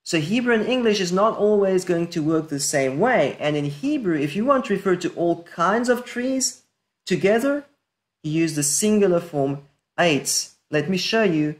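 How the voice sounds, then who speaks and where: Woman Bible teacher, slow and deliberate, reads Hebrew and explains each word calmly in a lowish voice. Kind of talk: screen-share scripture lesson.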